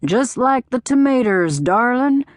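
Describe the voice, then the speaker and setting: A man's voice: extremely high pitch, animated, measured pace, no echo, studio quality, voice pushed up. A woman voicing an ambitious, affectionate husband raised in rural South Carolina, speaking in an exaggerated rural Southern drawl. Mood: fond.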